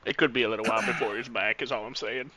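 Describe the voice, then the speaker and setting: A man playing a tabletop game, joking in a deadpan way. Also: medium pitch, rapid-fire, background noise. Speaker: player.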